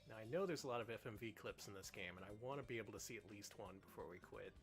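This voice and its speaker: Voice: mid-range voice, very fast. A streamer giving casual, playful and wry commentary while playing a video game. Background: music.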